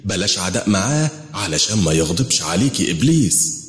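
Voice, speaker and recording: A man's voice: deep voice, big pitch swings, fast talker, roomy sound, big-room sound. A man voicing a scornful jinn queen. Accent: Egyptian Arabic. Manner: scornful, teasing. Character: mocking powerful female jinn queen.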